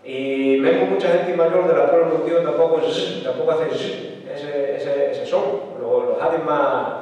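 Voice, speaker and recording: Extremaduran guy giving a talk, fairly high voice, far off mic in a big echoey hall, kinda muffled. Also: a little slow, darkish tone. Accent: Extremaduran Spanish. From Extremadura, Spain. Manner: explanatory, frequent rhetorical tag questions. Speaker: lecturer on local dialect. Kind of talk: public talk. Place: hall with audience.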